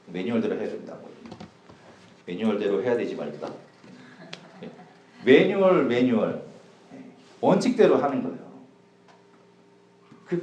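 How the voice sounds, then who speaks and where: Youth pastor, a man, casual sermon: lively swings in pitch, mellow tone, echoey hall. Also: slight background noise. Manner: chatty, jokes with the audience, swings loud and soft. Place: church hall. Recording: echoey church hall, from a distance.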